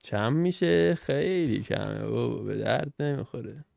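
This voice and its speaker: Chatty young man, gravelly voice. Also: medium pitch, expressive, a little mellow, no echo. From Iran. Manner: chatty, slangy, thinks aloud while reacting to game cards. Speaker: gaming channel host. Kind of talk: casual gameplay commentary.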